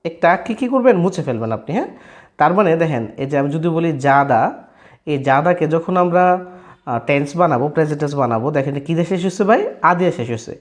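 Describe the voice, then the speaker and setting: A man's voice: fairly high pitch, animated. Man teaching, checking in often. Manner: checks in often with "clear, brother?"; repeats and rephrases each step slowly. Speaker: language teacher. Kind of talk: casual spoken lesson.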